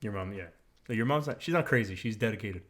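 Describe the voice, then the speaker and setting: A man's voice: on the low side, lively intonation, quick pace, a bit bright. A man hosting a casual home podcast, joking and teasing in a crude, offhand way. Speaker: podcast host. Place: home in Miami.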